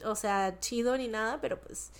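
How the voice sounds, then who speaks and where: Slangy young Mexican woman, lightly high voice. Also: moderate pace, clean tone. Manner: slangy, with English words mixed in. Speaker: podcast co-host. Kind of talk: casual chat.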